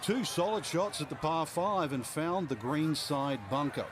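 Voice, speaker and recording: A man's voice: on the high side, expressive, measured pace, noisy background. A man working as a golf commentator, giving conversational, explanatory analysis of shots and holes. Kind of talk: golf commentator analysis for a sports video game broadcast.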